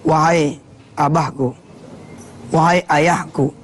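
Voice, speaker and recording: An Indonesian man giving a televised sermon, chanting Arabic verses slowly and explaining them in relaxed everyday speech. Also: a little high. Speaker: TV preacher.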